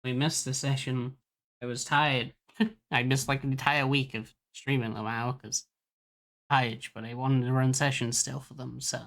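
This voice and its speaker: A man's voice: medium pitch, level tone, moderate pace, gravelly, fairly bright tone. A man running a tabletop game on stream, laid-back and rambling, laughing often. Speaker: game master. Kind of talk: casual stream chat.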